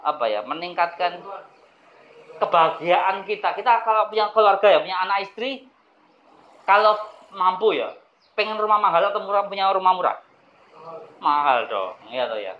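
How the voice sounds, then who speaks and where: A man's voice: high-pitched, normal speed, pauses often, muffled recording. A man teaching property sales at a seminar in a chatty way, acting out sales dialogues. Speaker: property marketing trainer.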